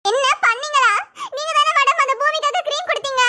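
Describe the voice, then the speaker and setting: A woman's voice: very high-pitched, steady tone, quick pace, pushed and bright, exaggerated voice. A woman voicing a cheeky, greedy young maid in a cartoon, wheedling and gossipy, with a Tirunelveli Tamil accent. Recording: noisy cartoon voice track.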